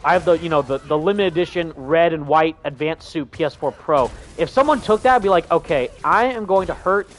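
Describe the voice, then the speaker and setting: A man's voice: fairly high pitch, a bit bright, slight background noise. A young man hosting a gaming livestream, chatting casually and reading viewer comments in an enthusiastic, rambling way full of fillers. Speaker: livestream host.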